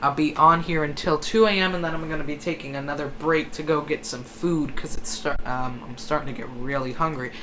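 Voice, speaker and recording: With noticeable background noise behind them, a livestream host tracking a hurricane discusses forecasts hesitantly, correcting their own words often. The voice is medium-pitched and steady, brisk, with hardly any pauses.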